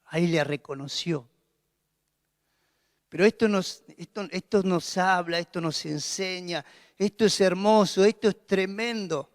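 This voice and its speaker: A man with a high voice preaches a sermon, his clear. He piles up emphatic exclamations and then drops to hushed tones. His voice rings with a long reverb in a church hall. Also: unhurried. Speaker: pastor.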